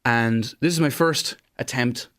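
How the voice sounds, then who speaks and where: A man's voice: mid-range voice, a little slow, a bit bright. A man with an Irish accent, a musician guest chatting casually in a radio interview. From Ireland, from Monaghan and later Galway.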